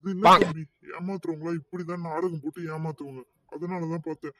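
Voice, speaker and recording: A man's voice: on the high side, fairly even intonation, brisk, distant mic, over music, natural voice. A man voicing a grumbling, suspicious middle-aged bus driver in a cartoon, who scolds and lectures. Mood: grudging. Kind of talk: cartoon voice acting.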